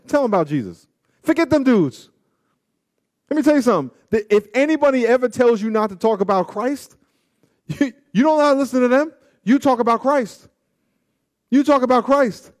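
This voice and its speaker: 40 yr old guy preaching, kinda high voice, slangy storyteller, jumps from loud to quiet. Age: 40s. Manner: animated and conversational, swinging from loud highs to low asides. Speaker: pastor. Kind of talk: sermon with scripture reading.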